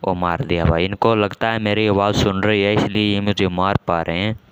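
A man hosting a gaming channel, giving casual commentary on a match with excitable, self-mocking banter and lots of repeated exclamations. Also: on the low side, moderate pace, smooth. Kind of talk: casual live game commentary.

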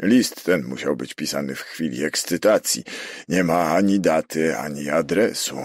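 Brief: male narrator as an agitated prefect, emphatic and husky, dry close sound. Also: very deep voice, normal speed, no room sound. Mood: urgent. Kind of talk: audiobook character reading.

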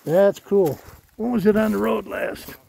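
Video host, a man, high-pitched, easygoing and excited, faint background noise, camera mic outdoors. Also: unhurried, gravelly. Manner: enthusiastic, easygoing. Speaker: car channel host. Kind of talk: casual walkaround chat. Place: outdoors in a wooded junkyard.

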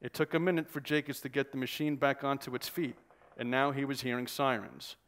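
A man, the author, reading a passage from his novel aloud at a measured pace. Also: medium pitch, fairly even intonation, a bit bright.

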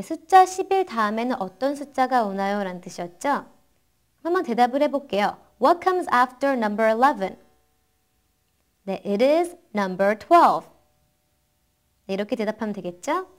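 Young woman teacher, slow careful practice sentences, kinda high voice, answers her own questions. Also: big pitch swings. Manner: slow, careful English model sentences between quick explanations. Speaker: English math teacher. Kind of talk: bilingual language lesson.

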